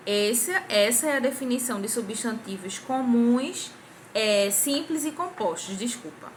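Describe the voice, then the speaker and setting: With a pushed, bright voice on the high side, a young adult woman with a Brazilian Portuguese accent patiently reviews grammar for young pupils. She claps out syllables and asks the class questions, and the recording has a little hiss or hum.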